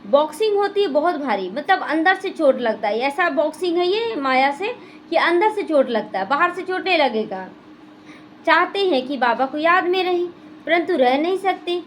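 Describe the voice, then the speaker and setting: High-voiced woman teaching a spiritual class. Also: animated, moderate pace, slight background noise. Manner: explanatory, asks the class questions and answers them. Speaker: Brahma Kumaris class teacher. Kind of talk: Hindi spiritual class explaining the day's murli. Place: small gita pathshala classroom.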